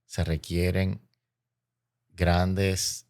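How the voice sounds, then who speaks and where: Dominican man, Caribbean Spanish accent, interview expert. Slow, deliberate delivery with fry, emphatic and rhetorical. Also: low voice, level tone, darkish tone. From Dominican Republic. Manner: emphatic, oratorical, repeats phrases for effect. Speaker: interview guest, logistics expert. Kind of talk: explanatory interview talk.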